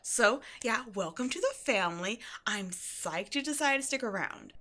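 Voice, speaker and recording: In an ASMR roleplay, a woman plays an upbeat, quirky owner of a mysterious occult shop, chatting breezily in a casual one-sided conversation with a new employee. She sounds excited and pleased, treating eerie matters as offhandedly and warmly as everyday ones. Her voice is a little high, bright and forceful, with lively intonation at normal speed.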